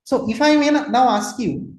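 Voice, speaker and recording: A man's voice: extremely high pitch, normal speed, a little mellow. A man in his forties from Kolkata with an Indian English accent, giving an online lecture, asking listeners questions and slipping into Hindi. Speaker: trainer, lecturer. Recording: roomy echo.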